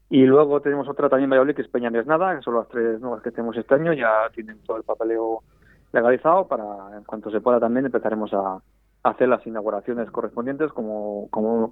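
A man's voice: mid-range voice, no echo. A man from Spain, president of a supporters' club federation, calling in to a radio interview over a landline phone. He talks hesitantly, often repeating and restarting words. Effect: heard over a landline phone. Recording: tinny, dry phone line.

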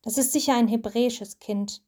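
A woman's voice: a little high, steady tone, moderate pace, warm tone, close to an everyday voice. A woman voicing a kind, decisive young princess while reading a storybook aloud to a child. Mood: caring.

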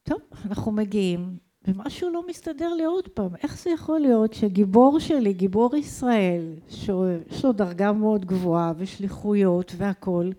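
A woman's voice: mid-range voice, animated, mellow. A middle-aged woman from Israel, telling her own life story in an intense, emotional way and asking herself questions. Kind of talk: dramatic personal storytelling.

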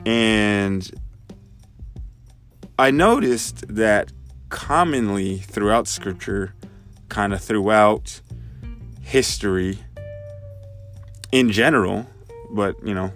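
A congested man in his thirties, with a low, slightly bright voice, hosts a podcast at a slow pace, pausing often as he thinks aloud in a casual reflection full of fillers and restarts. Soft music plays in the background.

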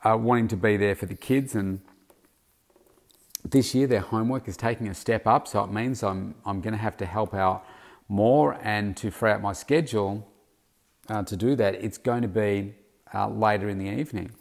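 This is a gravelly, lowish male voice at normal speed. He's a middle-aged podcast host talking casually by himself, rambling with plenty of fillers and restarts, all while hiccuping.

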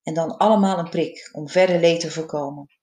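A speaker in their sixties reading a personal childhood memory aloud, with wry, gently humorous storytelling. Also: mid-range voice, fairly even intonation, a little fast, echoey room. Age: 60s. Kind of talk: read personal memoir narration.

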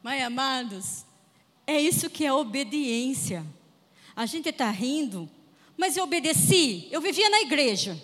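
A Brazilian woman preacher telling a funny personal testimony in an animated storytelling manner. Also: sits high, unhurried, in a large hall. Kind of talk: humorous sermon testimony.

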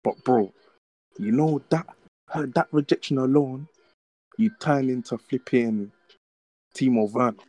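A man's voice: mid-range voice, measured pace, pauses often, dry recording. A young man with a London accent, telling stories and bantering casually in urban street slang as a podcast co-host. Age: young adult. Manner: slangy, animated street talk.

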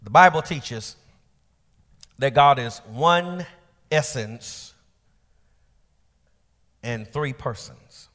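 A man preaching a sermon as pastor, swinging from shouted peaks to quiet asides with casual turns of phrase. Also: mid-range voice, animated, extremely slow, pauses often. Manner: colloquial asides. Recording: long church hall reverb.

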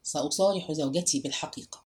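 A woman voicing a troubled middle-aged male civil servant in an audiobook, speaking in an earnest, lowered voice. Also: fast, a little mellow, close to an everyday voice.

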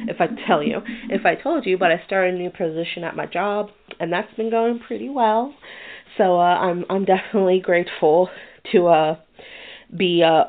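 Chatty podcast lady, rambly, sounds like a phone line. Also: on the low side. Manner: rambling, with frequent restarts and fillers. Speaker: podcast host. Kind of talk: casual chat.

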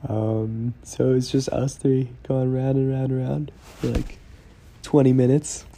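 A young man rambling slowly through a casual video diary in a stoned drawl. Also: medium pitch, little pitch movement, mellow, slight background noise. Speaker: vlogger.

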